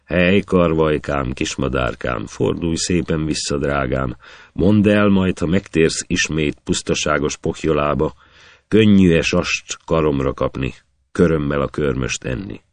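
A proud young warrior hero of an old epic, bragging in rhythmic verse as a man reads him aloud. The voice sits extremely low and is recorded dry and close, with no room around it. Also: dry recording. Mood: boastful.

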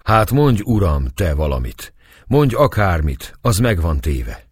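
A man voicing a captive Turkish male warrior, cunning and pleading, with a husky voice. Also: low-pitched, sing-song, dry recording, studio quality, full character voice. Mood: begging. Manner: pleading, wily.

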